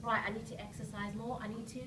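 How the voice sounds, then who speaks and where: A woman's voice: a little high, flat delivery, fast talker, over a noisy crowd. A woman giving a rousing, emphatic motivational seminar talk as a coach, often checking in with short questions. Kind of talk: motivational seminar speech to a live audience. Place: live seminar room with audience. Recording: roomy echo, distant mic, noisy background.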